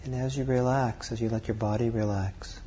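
A man leading a guided meditation, calm and unhurried, speaking in short phrases with long pauses between them. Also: mid-range voice, slight background noise. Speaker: meditation teacher.

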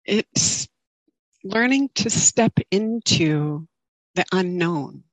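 A woman speaks slowly as a meditation teacher, in a close, dry recording. Her delivery is gentle and reflective, with a halting, informal flow as she addresses her group. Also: lowish voice, animated, no room sound, poor audio. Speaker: meditation teacher giving a talk. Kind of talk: informal dharma talk. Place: online group video call.

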